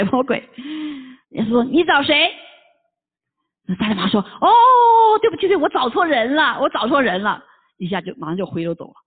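A preacher tells a sermon parable with lively acted-out sound effects and keeps checking in with rhetorical questions. The voice sits at a middling pitch and comes through a narrow, tinny, phone-like channel. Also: husky. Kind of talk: storytelling sermon.

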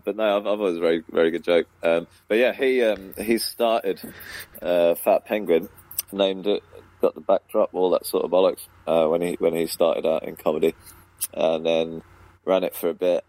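A man's voice: low-pitched, fairly even intonation, moderate pace, darkish tone, no echo, low-quality recording. A man, a comedy club promoter and compere, chatting as a guest on radio in a rambling way, laughing often and filling with ums. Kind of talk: casual radio chat. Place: radio studio.

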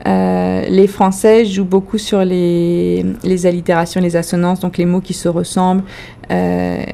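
A woman from France with a French accent, a comedian answering interview questions in a reflective way, often pausing to search for her words. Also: lowish voice, gravelly, warm tone, a little hiss or hum. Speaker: comedian guest.

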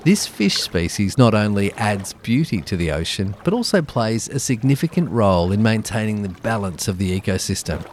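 Male podcast narrator, nature documentary style, lowish pitch, highly varied intonation, scripted and informative. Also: big pitch swings, normal speed, hardly any pauses, a little hiss or hum. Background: background music.

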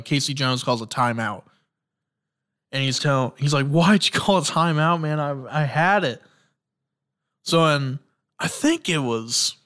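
A man's voice: medium pitch, bright, forceful tone. A man hosting a casual solo sports podcast. He tells stories with enthusiasm and rambles, often restarting sentences and using fillers. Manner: enthusiastic storytelling. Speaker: podcast host.

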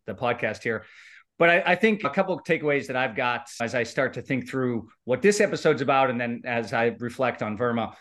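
A man in his forties talks through a podcast recap in an even middle register. He is reflective and meanders, often restarting a phrase as he gathers his thoughts. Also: medium pitch. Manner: reflective, rambling with repeated words. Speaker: podcast co-host. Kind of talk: casual chat.

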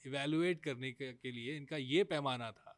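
A man's voice: medium pitch, fairly bright tone, dry recording. A man, a scriptwriter guest who talks hesitantly and often restarts his phrases. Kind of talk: casual studio conversation.

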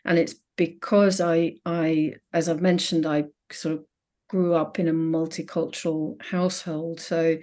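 A woman's voice: low voice, little pitch movement, a little slow, mellow. A woman in her fifties from Finland, whose first language is Swedish, talking reflectively as a guest in an interview and often restarting her sentences. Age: 50s. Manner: reflective, with frequent restarts and self-corrections. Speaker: guest, sociologist. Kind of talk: conversational interview.

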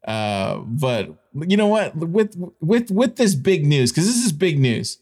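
A man's voice: fairly high pitch, very animated, slow, darkish tone, breathy edge. A man hosting a show with informal, partly ad-libbed news commentary, repeating phrases for emphasis. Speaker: host of a crypto news show.

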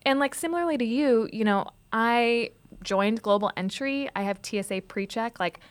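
A woman hosting a podcast, talking in an animated way, quoting articles and asking her co-hosts questions. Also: fairly high pitch, moderate pace, smooth. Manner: animated, lively, quotes sources and asks questions. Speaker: podcast host. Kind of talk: casual discussion.

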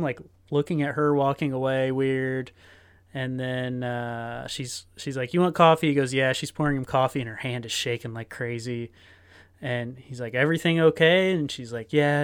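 A man's voice: mid-range voice, smooth. Male podcast co-host, casual rambling movie recapper, heavy on fillers. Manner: rambling scene-by-scene retelling with fillers.

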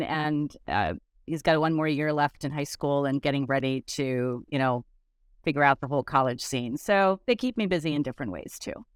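Woman in her fifties, interview guest, smooth voice, lively delivery. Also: deep voice, dry recording, clean studio sound. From Nigeria. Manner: upbeat, lively, with fillers. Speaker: guest, business founder. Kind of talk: interview conversation.

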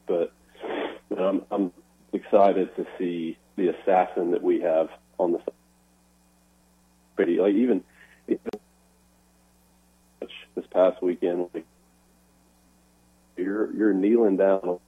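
A low, husky male voice comes through over the phone, thin and tinny as a bad cell connection cuts in and out. He talks slowly and haltingly, doubling back on words as he makes his point to the host. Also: steady tone. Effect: over the phone, breaking up on a bad cell line. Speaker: radio show caller. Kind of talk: sports talk radio call-in.

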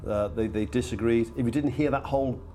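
A Welsh man in his fifties co-hosting a comedy podcast, deadpan and matter-of-fact. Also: medium pitch, a little fast, a crowd in the background. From Wales. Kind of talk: dry comic banter.

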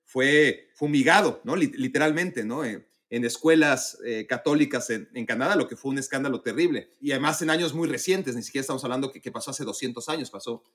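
A man's voice: medium pitch, brisk, hardly any pauses, a bit bright. A man co-hosting a podcast, chatting casually about football and explaining things at length with many restarts. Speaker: podcast co-host.

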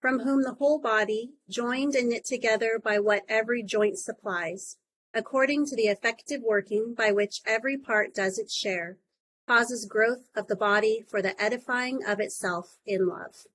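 A woman reading scripture and liturgy at a church service in a formal, measured recitation. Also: on the high side, fairly bright tone, a little hiss or hum, poor audio. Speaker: lay reader and responder in church service.

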